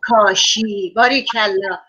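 A woman teaching a class of young children over a video call, praising them often and drawing out words slowly so they can write them down. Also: medium pitch, fairly even intonation, sharp tone, slightly rough, highs cut off. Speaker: primary school teacher.

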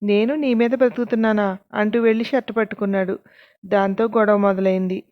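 A woman narrating a story with a steady reading. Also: mid-range voice, fairly quick, muffled recording.

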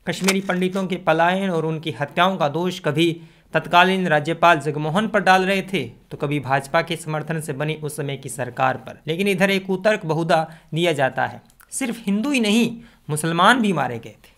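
A video commentator with a fairly high, slightly bright voice delivers scripted, argumentative opinions to camera at normal speed. He speaks emphatically into a close desk condenser microphone.

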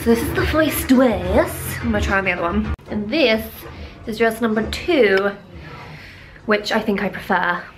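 A woman's voice: mid-range voice, expressive, normal speed, over music. A young woman vlogging in a chatty, bubbly way, a bit stuffy from a cold. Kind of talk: casual vlog chat.

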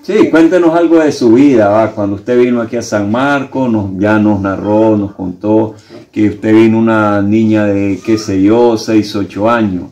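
A middle-aged man asks questions in an informal interview. His voice is slightly low with a warm, dark tone. He hesitates and rephrases as he goes. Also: a little slow, echoey room. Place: small brick room at home.

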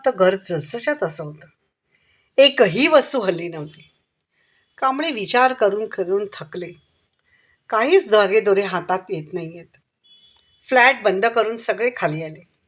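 Woman reading a crime story, steady, voice on the higher side. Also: a little slow, pauses often. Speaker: narrator. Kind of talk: scripted crime story narration.

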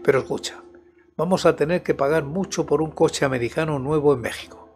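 A deceptively placid male criminal grumbles mildly in a suspense audiobook read out by an older man. The pitch is a little high, and soft music sits underneath. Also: a little fast, lightly acted. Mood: reasoning. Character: stocky, deceptively placid criminal in his mid-thirties. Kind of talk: audiobook character dialogue.

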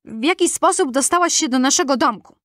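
A woman voicing a group of small, cheerful male dwarves in a storybook reading, with high, drawn-out, wondering questions. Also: animated, fairly bright tone, dry recording, studio quality. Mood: kindly.

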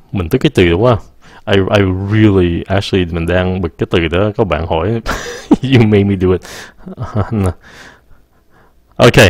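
Slow, low-voiced man teaching pronunciation. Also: gravelly, no echo. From Vietnam. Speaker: English teacher answering viewer questions. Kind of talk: casual live-stream English lesson.

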